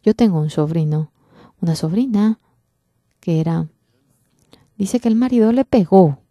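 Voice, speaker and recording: A woman interpreting a church sermon, preaching in an earnest, emphatic way with drawn-out stresses. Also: lowish voice, lively intonation, mellow, no room sound, muffled recording. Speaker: interpreter for a pastor.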